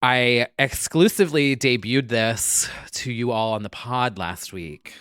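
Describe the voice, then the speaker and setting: A man's voice: mid-range voice, unhurried, a bit bright, clean tone, no room sound, studio quality. A man co-hosting a casual pop-culture podcast, talking in a sassy, campy, slangy way. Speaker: podcast co-host and remixer.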